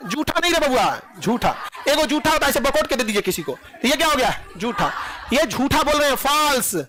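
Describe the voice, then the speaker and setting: A man's voice: very high-pitched, big pitch swings, fairly quick, background noise. A man teaching a classroom biology lecture, joking and teasing his students and laughing often.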